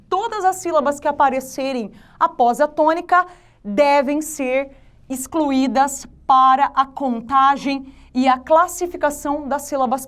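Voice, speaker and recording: Brief: female literature teacher, Brazilian accent, high voice, patient step-by-step explainer. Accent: Brazilian Portuguese. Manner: patient, explanatory, checks in often with tag questions. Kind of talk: online exam-prep lesson.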